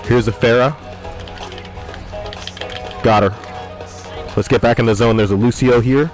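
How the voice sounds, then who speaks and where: His voice is medium in pitch with fairly even intonation, and he talks a little slowly. This young man is casually chatting on a gaming stream, reading viewer messages aloud and making crude, profane jokes over background music.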